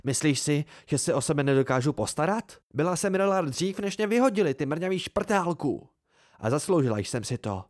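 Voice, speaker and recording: A man reading a fierce young woman, proud and mocking, hisses and snaps, pitched up high, dry sound. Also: lively intonation, no echo, natural voice. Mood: hissing. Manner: sharp, mocking and hissing, voice raised high.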